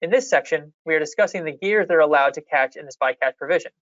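At a public hearing, a fishery management staff member walks through policy options alongside a slide presentation in a measured, methodical way. The voice is medium-pitched and a bit bright, with no echo, though the sound is lo-fi.

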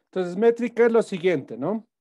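A man's voice: high-pitched, expressive, normal speed, warm tone, no echo. A male teacher explaining poetic meter to students, checking in often with short questions as he goes. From Ecuador. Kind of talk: classroom lesson on poetic meter.

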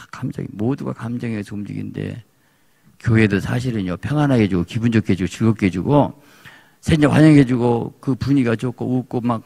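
A man's voice: medium pitch, creaky, a little mellow. A male pastor with a Jeolla Korean accent preaching a sermon, exhorting his congregation with emphatic repetition.

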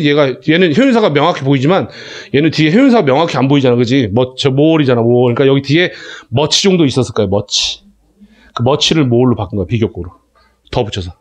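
Lively, animated male classroom teacher. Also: a little high. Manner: animated, calls students by name, asks "그지?" often. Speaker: academy English teacher. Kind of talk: classroom lecture.

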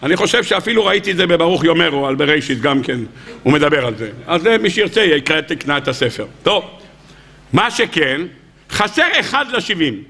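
A man, a rabbi, giving a lively storytelling sermon to a live audience, joking, acting out the characters and putting questions to his listeners. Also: on the high side, creaky. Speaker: rabbi giving a weekly Torah lecture. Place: lecture hall with a live audience.

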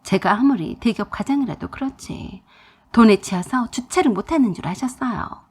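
A woman's voice: a little high, lively intonation, moderate pace, darkish tone, husky. A young adult woman narrating her own story in the first person, with an indignant, exasperated manner.

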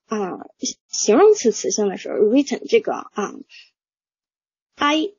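A woman teaching English vocabulary, slowly drilling word pronunciations and explaining them patiently to learners. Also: on the high side, warm tone, slightly rough, no room sound. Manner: slow, patient, drills words aloud. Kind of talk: pronunciation lesson, repeating words. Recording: dull, lo-fi, dry.

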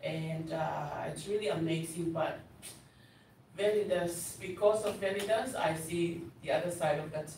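A woman from Tonga addresses a seated room in a warm, effusive way. Her voice is caught from a distance in a strongly reverberant meeting room, with faint background noise. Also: on the low side, measured pace. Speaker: invited speaker giving a testimonial. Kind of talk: casual personal testimonial. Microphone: far camera, no mic seen.

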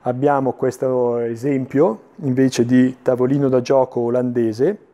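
Male infomercial presenter, dark relaxed voice, measured and explanatory, unscripted sales delivery. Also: medium pitch. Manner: explanatory, measured, with searching pauses and repetitions. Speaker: antiques dealer presenting items on a TV sales show. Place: indoor furniture showroom.

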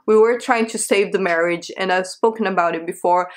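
A woman's voice: medium pitch, brisk. A young woman from Brazil, talking candidly to camera in a small bedroom, with frequent rhetorical questions. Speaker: vlogger. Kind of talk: casual talk to camera. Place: small bedroom with a sofa, indoors.

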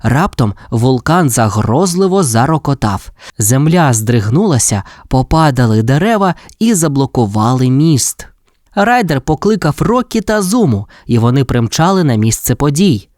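A storyteller reading a children's audio fairy tale in an expressive, lively way. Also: mid-range voice, moderate pace, dry recording, clean studio sound.

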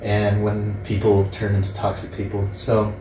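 A young man in his twenties chatting casually as host, earnest and halting in the way he talks. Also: lowish voice, monotone, mellow. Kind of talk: casual group chat. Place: living room, on a couch. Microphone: distant camera microphone. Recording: roomy, distant camera mic, background noise.

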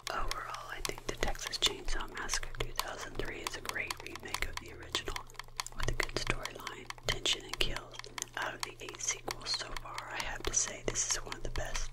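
Female ASMR reviewer, fast and aggressive whisper, scripted delivery, slightly distant from the mic with tapping and clicking behind. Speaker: ASMR video host and film reviewer. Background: tapping and clicking on plastic objects.

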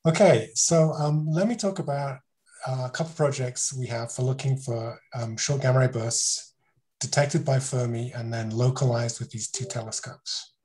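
A man's voice: medium pitch, moderate pace, a little mellow. Conversational man giving an academic talk. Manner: conversational, self-correcting, asks rhetorical questions. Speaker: conference speaker. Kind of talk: academic talk over a video call. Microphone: video call.

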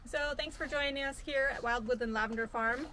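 A woman's voice: high-pitched, a little fast, pushed and bright, a little hiss or hum. A woman co-hosting a casual farm cooking vlog outdoors, chatty and practical, laughing easily. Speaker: farm vlogger co-host. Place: outdoors by a fire pit on a farm.

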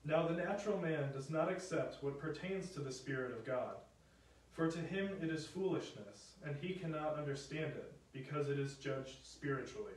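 A young adult man reading scripture as a lector in a solemn, measured, formal way, in a chapel. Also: on the high side. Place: small chapel indoors. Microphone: picked up from afar. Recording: echoey chapel, distant microphone.

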